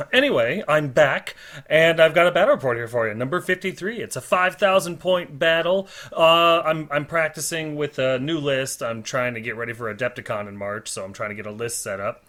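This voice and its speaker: A man's voice: fairly high pitch, moderate pace, fairly bright tone. A man casually narrating a tabletop game report in a chatty, informal, self-deprecating way, recorded on a slightly distorted laptop microphone. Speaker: host of a tabletop wargame battle report series. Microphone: built-in laptop or monitor microphone.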